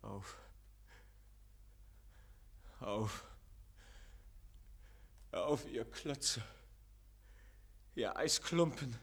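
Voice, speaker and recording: An actor playing a passionate young robber captain in a classic radio play, speaking with slow, emphatic declamation. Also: male voice, mid-range voice, animated, breathy edge, heavily acted. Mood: wrathful.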